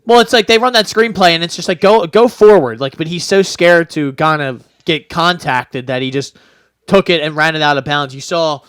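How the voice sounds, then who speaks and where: A man's voice: a little high, normal speed, a bit bright, smooth, no echo, studio quality. A young man co-hosting a casual sports podcast, laid-back and rambling with lots of fillers. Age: young adult. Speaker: podcast co-host.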